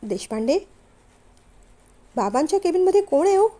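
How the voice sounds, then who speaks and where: A woman voicing a polite, gentle young man who is a company director, in a storybook reading. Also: high-pitched, sing-song, moderate pace.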